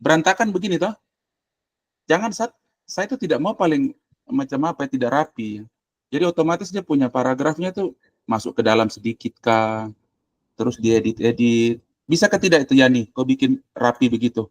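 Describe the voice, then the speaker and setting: Blunt lecturer. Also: male voice, mid-range voice, lively intonation, a little fast. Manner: blunt, directive, colloquial, thinking aloud while clicking. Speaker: university lecturer. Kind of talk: informal screen-share tutoring.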